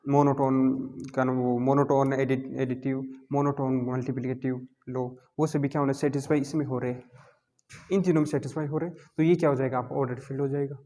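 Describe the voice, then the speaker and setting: A man's voice: medium pitch, flat delivery, fast talker, mellow. Man, math teacher, lecturing, asks and answers himself, long hall reverb. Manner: asks and answers his own questions. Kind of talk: classroom lecture.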